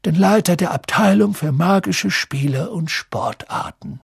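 A man voicing a calm, solemn old male headmaster who speaks slowly and ceremoniously, in a husky voice. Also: high voice, no room sound, studio quality, voice pushed up, heavily acted. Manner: slow, ceremonious speech.

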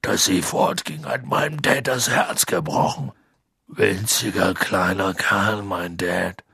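A man voicing a huge, gruff, lonely half-giant gamekeeper with a deep husky voice and slow, halting speech. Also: bright, forceful tone, dry recording, studio quality, full character voice. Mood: wistful. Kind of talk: audiobook character voice.

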